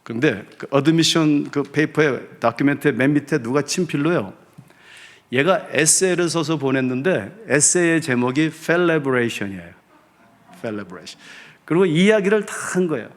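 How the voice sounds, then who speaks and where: A man's voice: fairly high pitch, expressive, moderate pace. A middle-aged male pastor preaching in a church. He tells a personal story in a conversational, folksy way and slips English words into his speech. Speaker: pastor and seminary professor. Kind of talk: storytelling sermon. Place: church sanctuary.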